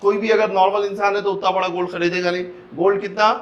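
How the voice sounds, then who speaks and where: A man's voice: sits high, flat delivery, fast talker, muffled recording. A man with a Hyderabadi Hindi accent teaching physics, explaining step by step, mixing in English terms and asking the class questions as he goes. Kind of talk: classroom lecture.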